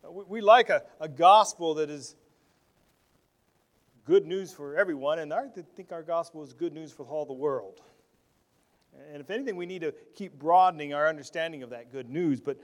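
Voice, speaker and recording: Earnest, fairly high-voiced man preaching. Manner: earnest, repeats words as he restarts, swings between loud stress and soft asides. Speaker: pastor. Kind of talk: sermon.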